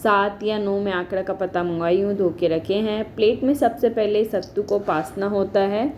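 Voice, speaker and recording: A woman in her thirties narrating a home vlog, calmly explaining each step of a family ritual. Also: mid-range voice, normal speed, muffled recording, a little hiss or hum. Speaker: vlogger. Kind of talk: casual voice-over narration of a family festival vlog.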